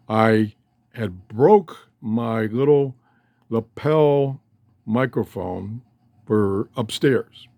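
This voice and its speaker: His voice is mid-range, creaky and darkish, captured in a dry recording with clean studio sound. This older man runs a shortwave radio hobby vlog, talking casually and ramblingly in a folksy way with frequent self-interruptions, holding a cell phone in a cluttered downstairs room at home.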